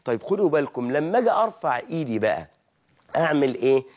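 Animated Egyptian preacher, fairly high voice. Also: male voice, fast. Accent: Egyptian Arabic. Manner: animated teaching, mimics wrong pronunciations, asks and answers own questions. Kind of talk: religious lesson.

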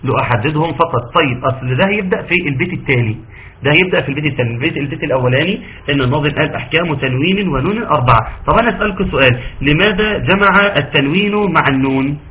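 An Egyptian man runs a quick-paced online tajweed lesson, firing questions at his students and praising their answers. His voice comes through dull, lo-fi call audio. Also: a little high, animated. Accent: Egyptian Arabic. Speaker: Quran recitation teacher.

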